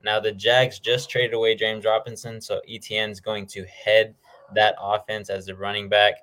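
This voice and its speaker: Low-voiced man hosting casual football talk. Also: level tone, normal speed, a bit bright. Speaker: host of a football picks show. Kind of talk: casual sports talk, game predictions.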